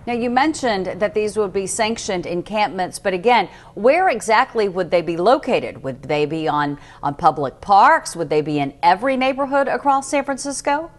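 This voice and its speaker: A woman's voice: medium pitch, animated, moderate pace, hardly any pauses. A woman in her thirties anchoring a TV news interview, asking direct, pressing questions.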